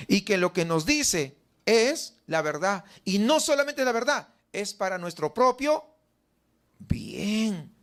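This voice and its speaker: A man with a high-pitched voice and a Mexican Spanish accent delivers a sermon in a church. He keeps asking his congregation rhetorical questions. He acts out their doubts in a raised voice. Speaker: pastor.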